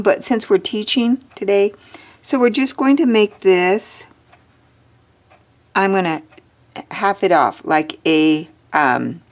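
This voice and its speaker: Slow-talking woman teaching a drawing lesson. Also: on the low side. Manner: slow, chatty, thinking aloud while drawing. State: hiccups. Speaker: art teacher.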